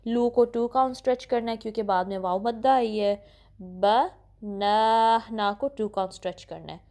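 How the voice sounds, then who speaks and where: एक महिला शिक्षिका, जो धैर्य से धीरे-धीरे तजवीद का उच्चारण सिखाती है और अक्षरों को बार-बार दोहराती है।. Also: female voice, a little high, a little mellow. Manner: patient, repeats syllables slowly, often says "okay". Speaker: Quran recitation teacher. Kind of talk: slow step-by-step pronunciation lesson.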